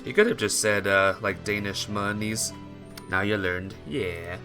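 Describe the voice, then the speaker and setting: Speaking at a measured pace in a fairly low voice, a man streams a visual novel while music plays. He mixes easygoing chat with viewers and expressive read-aloud narration of the story.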